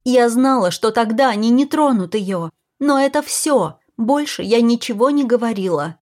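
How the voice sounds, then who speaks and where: A woman voicing an agitated, defensive woman who has been keeping a secret, shrill and pleading in a storybook reading. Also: expressive, moderate pace, darkish tone, natural voice.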